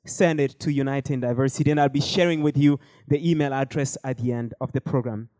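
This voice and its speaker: A man's voice: medium pitch, steady tone, brisk, warm tone, no room sound. A man hosting a panel discussion, speaking with frequent hesitations and fillers. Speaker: host.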